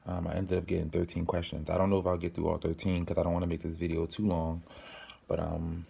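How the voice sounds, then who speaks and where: A channel host in his twenties answers viewer questions to camera in a casual Q and A. His voice is very low and gravelly with a dark, mellow tone, and he speaks flatly, earnestly, and slowly, halting often with many ums.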